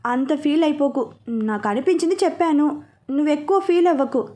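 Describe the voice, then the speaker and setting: A woman's voice: sits high, brisk, mellow, lightly acted. A woman voicing a reserved young woman who speaks curtly. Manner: curt, matter-of-fact. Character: young woman, reserved, curt but softening.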